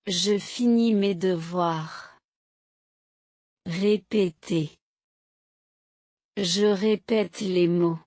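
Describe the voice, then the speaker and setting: Slow, deliberate woman drilling vocabulary. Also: medium pitch, a little mellow, dry recording, clean studio sound. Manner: clear, deliberate, evenly paced. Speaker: French teacher. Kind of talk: slow vocabulary drill, each sentence said twice.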